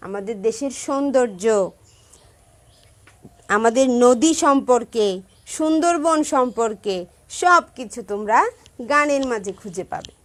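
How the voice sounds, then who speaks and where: A woman's voice: fairly high pitch, a bit bright. A woman music teacher giving a song lesson to primary school children, patiently stressing careful pronunciation and checking in with her pupils. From Bangladesh.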